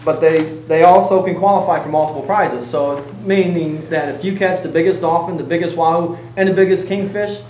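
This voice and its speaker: A man's voice: a little high, steady tone, a little fast, few pauses, a little mellow, echoey room, a little hiss or hum, low-quality recording. A middle-aged man co-hosting a joking rundown of tournament rules, teasing his partner, recorded in a fishing shop. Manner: playful, teasing. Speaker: co-host.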